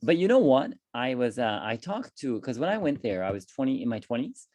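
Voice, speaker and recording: A man, an English teacher, chats casually with his student and fires off lots of questions in a brisk, medium-pitched voice with no echo. He's chatty, repeating and restarting himself, and his questions rise in a lively way.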